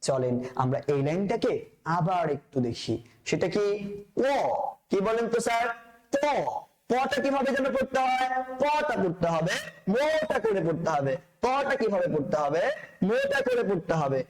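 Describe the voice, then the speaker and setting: A man's voice: high-pitched, big pitch swings, unhurried, poor audio. A man teaching the pronunciation of Arabic letters, drilling each letter by repeating it and addressing the learner as sir, with playful asides. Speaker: Quran reading teacher.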